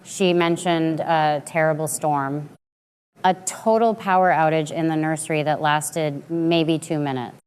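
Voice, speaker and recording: A woman in her late twenties giving a measured, dramatic first-person story narration. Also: low voice, steady tone, darkish tone, clean tone. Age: late 20s.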